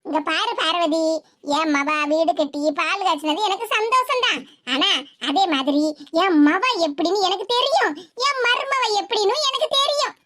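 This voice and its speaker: A woman voicing a sharp-tongued, stubborn old village mother in a cartoon, with a Tirunelveli accent and a mocking, scolding manner. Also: very high-pitched, expressive, moderate pace. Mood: lecturing. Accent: Tirunelveli Tamil. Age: older. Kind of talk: cartoon voice acting.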